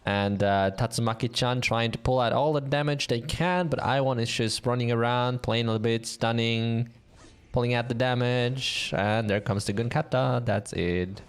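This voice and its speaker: A man's voice: mid-range voice, moderate pace, clear, resonant tone. A man commentating an online game league match, explaining the action and chatting casually with his co-caster. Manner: curious, explanatory, animated. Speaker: esports commentator.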